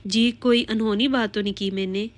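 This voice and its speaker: A woman reading a novel aloud, voicing a young sister who gently coaxes her brother, a little higher than her narration. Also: steady tone, no room sound, lightly acted. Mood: coaxing. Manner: pleading, gently coaxing. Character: caring younger sister, then playful bridesmaid.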